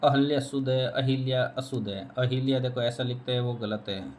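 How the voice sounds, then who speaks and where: A man's voice: mid-range voice, steady tone, moderate pace, darkish tone, slight background noise. A man teaching a spelling lesson, repeating each word and answering his own questions. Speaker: Hindi teacher.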